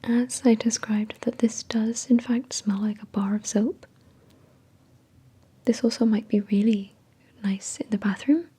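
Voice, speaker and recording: Woman whispering slow, breathy ASMR. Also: a little high, steady tone. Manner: soft, unhurried, measured delivery. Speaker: ASMR video host. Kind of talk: whispered ASMR product review.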